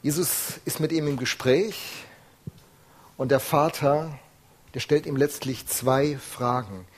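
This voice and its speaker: Husky-voiced man preaching a sermon. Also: a little high, slow pace. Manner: earnest, emphatic, with rhetorical questions.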